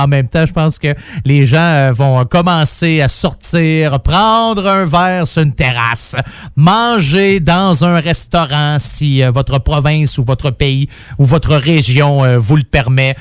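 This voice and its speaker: A man's voice: fairly high pitch, expressive, takes it slowly, clear, resonant tone, dry recording, studio quality. A man hosting a rock radio show, chatting casually and jokingly, rambling with many fillers. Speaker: morning radio host.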